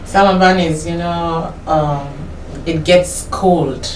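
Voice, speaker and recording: A Kenyan woman, probably in her thirties, tells her life story as a guest in a casual interview, speaking Kenyan-accented English in a fairly low voice with fairly even intonation and a slow pace. She rambles, corrects herself, and laughs while telling it. The recording is echoey, with a distant mic and background noise.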